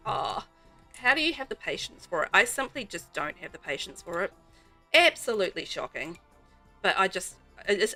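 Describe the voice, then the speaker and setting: A New Zealand woman with a lowish, bright, forceful voice streams a game. She chats casually with her viewers in a rambling way as she plays.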